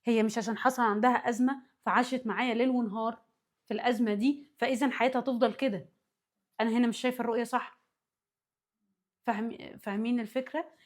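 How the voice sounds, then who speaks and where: A woman with an Egyptian accent teaches psychology at a rapid clip, in a slightly high voice. She works through examples one by one and keeps pausing to ask whether her listeners are following. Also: steady tone. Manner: often checks that listeners follow; walks through worked examples. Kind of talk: spoken lesson.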